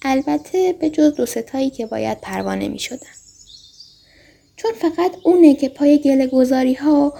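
A woman's voice: high-pitched, gravelly, dark tone, pitched above the performer's own voice. A woman voicing an earnest young boy prince in a storybook reading, speaking in a proud and insistent way.

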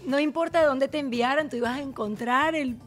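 A woman's voice: sits high, a little fast, faint music behind. A woman hosting a casual interview, encouraging her guest with frequent short affirmations. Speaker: host.

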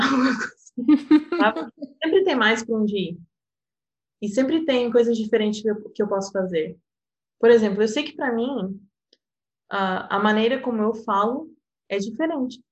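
The sound is lo-fi, and the woman's voice is fairly high. An interpreter from Portugal with a European Portuguese accent, she's a guest in a casual, reflective conversation, speaking personally, laughing often, and adding "sabe?" again and again.

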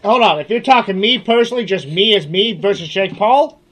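Man, high voice, quick talk, very animated, self-deprecating, stammering. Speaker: podcast co-host. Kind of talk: casual podcast chat.

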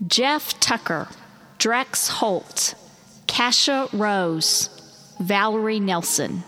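A woman's digitally echoed voice reads one name after another at an unhurried, steady pace. Her delivery is measured and clear, and faint background music sits under her. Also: mid-range voice. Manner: slow, measured reading of names. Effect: digital echo on the voice. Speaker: podcast co-host.

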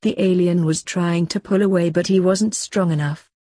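Woman, story narrator, steady reading, husky, lowish voice. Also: moderate pace, no room sound. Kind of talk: reading a sci-fi story aloud.

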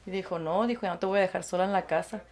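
A woman, a guest recounting her experiences and acting out the voices of others in lively conversation. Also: on the low side, very fast. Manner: animated, acts out quoted voices, laughs easily. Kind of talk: storytelling in conversation.

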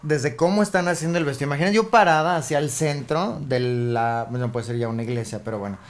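A woman's voice: rumbling low, fast, slight background noise. Playful Mexican woman co-host. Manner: playful, exaggerated joking. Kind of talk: casual chat.

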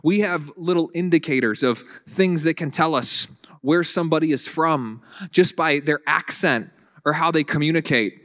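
A man's voice: a little high, normal speed, fairly bright tone. A man with a Southern accent preaching a conversational sermon, often repeating words as he restarts his sentences and dropping in dry humor. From Virginia. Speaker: pastor.

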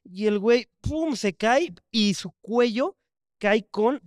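Mexican podcast co-host, young man, high clear voice, animated storyteller. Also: slow pace, no echo, studio quality. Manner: animated storyteller with sound effects. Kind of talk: casual podcast chat.

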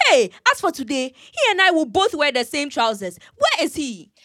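A furious young bride-to-be in a melodrama, voiced by a woman, high-pitched and swinging wildly up and down. Her voice is bright and sharp, close and dry, and she shouts and sneers. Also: huge pitch swings, moderate pace, no room sound, heavily acted. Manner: shouting, dramatic and sarcastic. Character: grieving fiancée, fierce and theatrical young woman.

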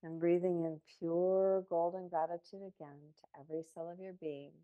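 A woman podcast host leading a guided breathing meditation in a calm, meditative manner. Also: fairly low pitch, normal speed, narrow, tinny audio.

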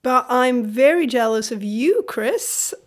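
A woman from Sweden co-hosting a podcast in a conversational way, her voice gravelly from a cold. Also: a little high, expressive, slow pace. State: has a cold. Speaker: podcast co-host.

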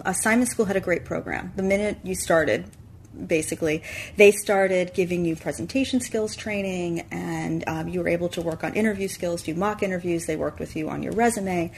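Woman guest, casual interview storyteller, animated, some quiet hiss behind. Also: lowish voice, normal speed, gravelly. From Long Island, New York. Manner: animated, acts out quoted dialogue.

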